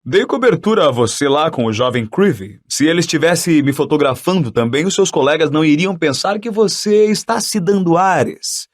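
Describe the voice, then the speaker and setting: A man voicing a vain, jovial and pompous male professor in an audiobook, booming and patronizing. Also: animated, moderate pace, few pauses. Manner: booming, patronizing, self-important. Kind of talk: audiobook character voice.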